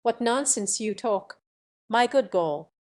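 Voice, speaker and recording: A woman reading the lines of a blunt, gruff male army general in a storybook. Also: fairly high pitch, expressive, slow pace, darkish tone. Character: grand, hoarse, swearing male army general.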